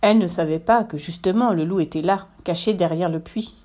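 A woman reading a French children's tale aloud, lively, acting out the characters' lines. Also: fairly low pitch, brisk. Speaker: storyteller.

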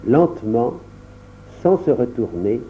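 Expressive male audiobook narrator. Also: medium pitch, slow, slight background noise. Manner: expressive storytelling. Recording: dull lo-fi recording.

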